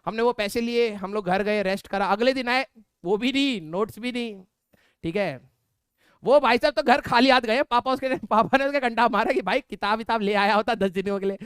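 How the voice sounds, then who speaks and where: A man's voice: high voice, moderate pace, fairly bright tone, clear, resonant tone, no room sound, clean studio sound. A young man, a physics teacher, casually telling a class a funny story and often adding "theek hai". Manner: chatty, keeps tagging lines with "theek hai"; laughs at his own story. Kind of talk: casual anecdote told to a class.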